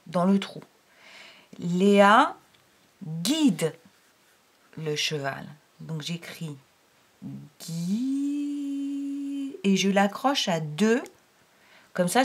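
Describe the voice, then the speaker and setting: A woman teaching a reading lesson to young pupils, explaining patiently step by step and carefully sounding out syllables. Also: mid-range voice. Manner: slow, careful enunciation of syllables. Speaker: primary school teacher.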